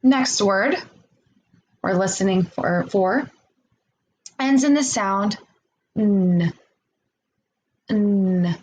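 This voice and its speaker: Slow, deliberate woman teaching phonics to children. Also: mid-range voice, poor audio. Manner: slow, deliberate enunciation with word sounds pronounced separately; encouraging, prompting with questions and pauses. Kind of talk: remote phonics lesson for young children.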